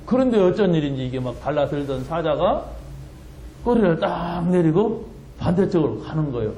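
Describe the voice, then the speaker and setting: A man preaching a sermon as pastor, telling a story with animated, laughing delivery. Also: on the high side, normal speed, echoey room, slight background noise, poor audio. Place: church sanctuary.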